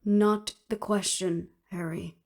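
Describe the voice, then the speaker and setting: A woman acts out the role of a resolute, no-nonsense official in a scripted audio drama, keeping her delivery clipped, firm and businesslike. She speaks slowly in a steady, mid-range voice with a darkish tone.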